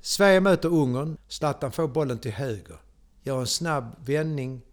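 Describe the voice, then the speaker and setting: An older man with a Scanian Swedish accent tells stories from his life in a lively, theatrical way. He speaks at an everyday pitch and breaks into sudden loud exclamations now and then. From Sweden. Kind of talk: animated personal storytelling.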